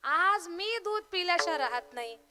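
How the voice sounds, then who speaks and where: A woman's voice: very high-pitched, animated, normal speed, pushed and bright, a little hiss or hum, exaggerated voice. A woman voicing a clever, cheeky tomcat who boasts, teases and meows. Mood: smug.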